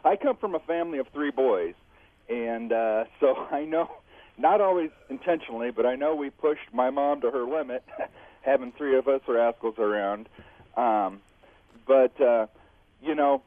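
A man's voice: medium pitch, dry recording. A man calling in to a radio show over the phone, speaking in a reflective, heartfelt way and chuckling between thoughts. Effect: heard over the phone. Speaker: radio caller. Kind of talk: call-in chat. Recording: tinny dry phone line.

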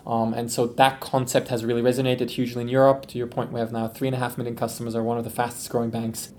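A man from Switzerland, a company executive, giving relaxed, thoughtful interview answers on a podcast. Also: medium pitch, fast, slight background noise.

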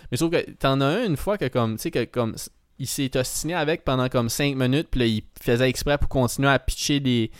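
Québécois dude rambling through a story, tons of fillers and english bits, smooth clear voice, dry sound. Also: male voice, mid-range voice, brisk, few pauses, no room sound. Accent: Québécois French. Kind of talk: casual chat.

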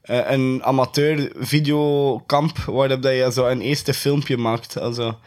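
A tired man with a Flemish accent co-hosting a podcast in casual, halting chat. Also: mid-range voice, steady tone. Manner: hesitant, halting, with many fillers and English words. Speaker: podcast co-host.

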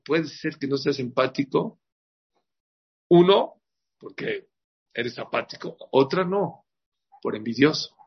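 Man, rabbi giving a religious class, gravelly husky voice, rhetorical questions, dull lo-fi recording. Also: mid-range voice. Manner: lively, asks the audience rhetorical questions. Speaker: rabbi teaching a Torah class. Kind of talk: religious lesson with moral teaching.

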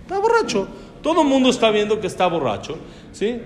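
A man's voice: high-pitched, very animated, fast talker, slight background noise. A man giving a conversational religious lecture and asking his students questions along the way. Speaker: religious teacher.

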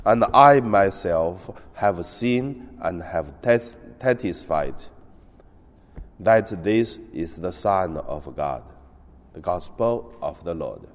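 A man with a low-set voice delivers a homily at a very slow pace, hesitating often between phrases. The sound is that of a large church, with a long cathedral echo hanging after each sentence. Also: animated. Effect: cathedral echo, long church reverb. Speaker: priest. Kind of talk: gospel reading and homily.

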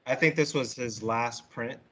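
A man co-hosting a casual podcast chat, joking and quick to explain things. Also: medium pitch, sharp tone, slight background noise.

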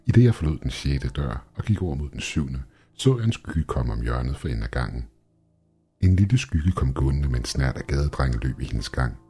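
A man narrating a scripted horror tale in a very low, dark voice. His tone is strongly husky and breathy, and his telling is tense and measured, with faint music underneath. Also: lively intonation.

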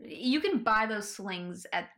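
A woman's voice: mid-range voice, animated, slow, gravelly, bright, forceful tone. A woman co-hosting a casual recap podcast, walking through the events plainly and swearing casually. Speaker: podcast co-host.

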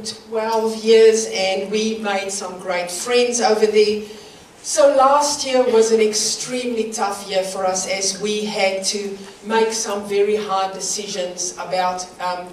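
A middle-aged South African woman, a guest preacher, delivers a slightly nervous sermon in a church hall, her South African accent clear and light laughs slipping in between phrases. Her voice is medium in pitch, with a little hiss or hum on the recording. It was captured from far off in the roomy hall.

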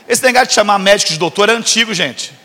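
A pastor delivers a comic sermon, his raised voice ringing through a long, reverberant church hall. He talks at a brisk clip and slips into the voices of the people in his stories. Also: high-pitched, bright, forceful tone, a little hiss or hum. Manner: acts out dialogue, teasing congregation with jokes. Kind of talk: humorous storytelling sermon.

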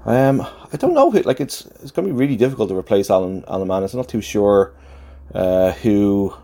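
A man from Ireland with a slightly softened Dublin accent, chatting off the cuff as a football supporter leaving a message, hesitant and colloquial. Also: lowish voice, big pitch swings, brisk. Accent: Dublin Irish, slightly softened. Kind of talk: casual, off-the-cuff chat.

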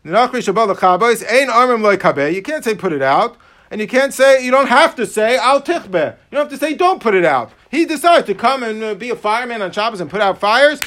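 A man's voice: very high-pitched, fast talker, hardly any pauses, fairly bright tone. An American man teaching religious law as a rabbi, with a Yiddish- and Hebrew-peppered yeshiva way of speaking, animatedly acting out little hypothetical exchanges. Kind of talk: religious law lecture with questions from students.

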